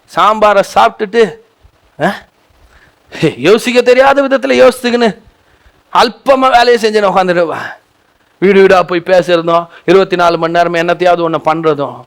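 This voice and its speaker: High, gravelly man preaching with fervor. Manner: impassioned, repetitive preaching that swells to shouts. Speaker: pastor. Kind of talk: sermon.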